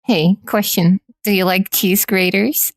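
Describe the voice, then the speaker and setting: A woman's voice: medium pitch, steady tone, measured pace, no room sound, clean studio sound. A woman streamer in casual, playful chat with her viewers, teasing them lightly.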